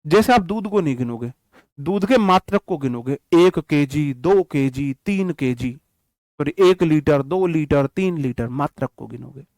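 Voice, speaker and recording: A man's voice: fairly high pitch, lively intonation, a little slow, darkish tone, dry recording. A young man teaching English grammar in an online class, chatty and direct, counting out examples. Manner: explains in Hindi mixed with English terms, repeats and counts out examples; addresses students directly, casual and chatty. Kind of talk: online exam-prep lecture.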